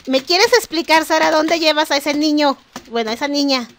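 Young woman, gaming vlogger, high bright register, chatty and teasing commentary. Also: moderate pace, slight background noise. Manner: chatty, exasperated, jokes with game characters. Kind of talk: casual gameplay commentary.

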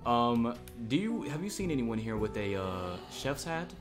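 A man's voice: mid-range voice, sing-song, normal speed, music in the background. A man streaming a Minecraft roleplay, chatting casually with his viewers between playing a character. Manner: chatty, jokey, talks to chat while playing.

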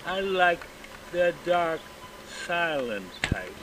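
Man voicing a coy, breathy lake temptress. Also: a little high, big pitch swings, drawn-out words, voice pushed up, heavily acted. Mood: seductive. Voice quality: breathy, silken, purring. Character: coy, seductive female lake. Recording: distant mic, outdoor noise.

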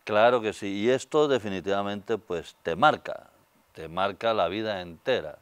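A man's voice: on the low side, moderate pace, clean tone, dry recording. An older man with a Spanish accent from Spain, a guest telling stories in a studio interview, on a lapel mic. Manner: storytelling, gestures with hands, many fillers. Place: TV studio set.

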